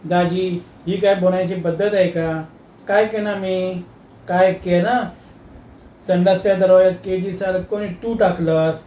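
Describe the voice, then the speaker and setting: A man's voice: high voice, steady tone, a little slow, warm tone, reverberant, highs cut off. A man voicing an indignant chawl resident who protests his innocence. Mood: protesting. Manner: protesting, defensive.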